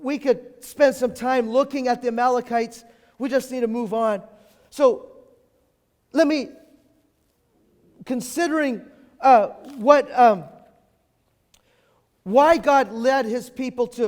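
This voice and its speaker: Male pastor, sermon, emphatic and repetitive, high voice, long reverb of a church sanctuary. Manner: emphatic, repeats key phrases, swings from loud to hushed.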